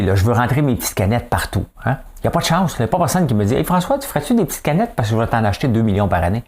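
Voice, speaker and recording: A man with a Québécois accent hosting a casual news and business commentary show, chatty and tagging his remarks with rhetorical asides. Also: medium pitch. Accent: Québécois French. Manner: chatty, keeps adding a rhetorical "hein?".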